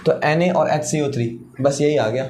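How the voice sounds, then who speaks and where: A man's voice: on the high side, normal speed, darkish tone, slight background noise. A man teaching chemistry in a classroom-style lecture. He asks questions, answers them himself, and repeats each step.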